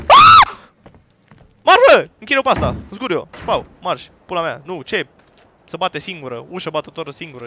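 A man giving loud, profane let's play commentary on a horror game, talking to his viewers and yelping at scares. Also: on the high side, background noise. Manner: jumpy, profane, loud outbursts; talks to viewers while playing. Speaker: gaming YouTuber.

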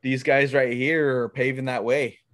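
A young man co-hosting a casual sports podcast, excitable and quick to exclaim, often restarting his sentences. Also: medium pitch, dry recording, studio quality. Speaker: podcast co-host.

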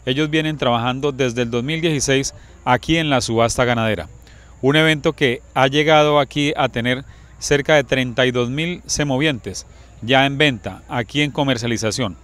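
A man's voice: medium pitch, a bit bright. A Colombian man in his forties speaks like a town official making a statement for the news. His delivery is formal oratory, moving through lists of institutions and thanks. He is outdoors, talking into a handheld microphone. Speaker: municipal mayor. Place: outdoors at night near a livestock complex. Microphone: handheld reporter microphone.

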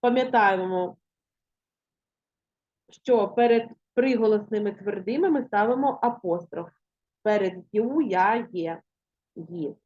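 A woman teacher giving a language lesson, reading words slowly and stressing syllables one by one. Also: medium pitch. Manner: slow, deliberate dictation, stressing syllables. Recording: muffled lo-fi recording.

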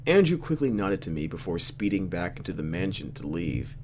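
A man with a low, darkish voice hosts a let's play, reading a visual novel aloud in a very animated, brisk way. His casual narration is peppered with slangy, mock-exasperated asides, and there's a slight hiss or hum on the recording.

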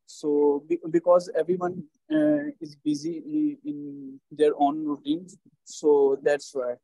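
A Pakistani-accented man with a fairly high, mellow voice gives spoken test answers. He goes slowly and hesitantly, groping through non-native English, in a dry close recording. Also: gravelly, dry recording, poor audio. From Lahore, Pakistan. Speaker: language test candidate.

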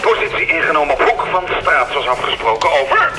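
Guy doing an eager lookout on a walkie-talkie, clipped army-style radio talk, kinda high and bouncy, music under it. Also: wildly swooping pitch, a little fast. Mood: mock-military. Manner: clipped military radio talk, ends each turn with "over". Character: eager male sidekick playing a lookout. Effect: heard over a walkie-talkie radio. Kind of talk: radio drama acting.

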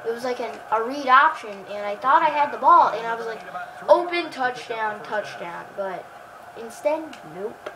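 High, animated woman gaming. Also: moderate pace, crowd noise, low-quality recording. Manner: excitable, cheers and groans at the game, chats to viewers. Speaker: gamer playing a football video game. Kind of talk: live gameplay commentary.

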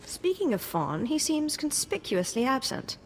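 A woman's voice: high-pitched, sing-song, a little slow, over music, full character voice. An actress playing a smug, sarcastic young woman Sith acolyte in a video game. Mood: defiant. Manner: smug, mocking. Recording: game audio with noisy background.

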